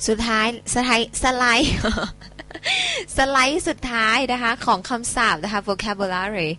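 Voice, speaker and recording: A woman's voice: medium pitch, unhurried, sharp tone. A female English teacher with a Thai accent, a native Thai speaker, giving a chatty online vocabulary lesson, spelling words letter by letter and laughing often.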